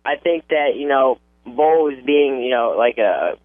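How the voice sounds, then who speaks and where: A man's voice: mid-range voice, expressive, unhurried, no echo. Young male radio caller on a tinny phone line. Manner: hesitant, rambling, full of "like" and "you know". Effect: call-in voice heard over a phone line.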